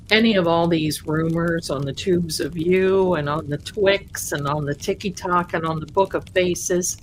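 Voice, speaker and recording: A woman hosting a casual live spirit session, rambling and haltingly repeating herself as she talks to spirits and viewers. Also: lowish voice, low-quality recording. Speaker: livestream host of a spirit communication session. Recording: clear background noise, live stream.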